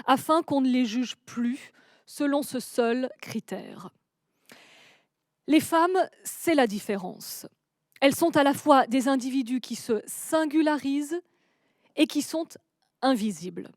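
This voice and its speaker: A woman with a high voice reads a lecture narration slowly and with measured emphasis. The sound is close and dry. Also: a little mellow, no echo.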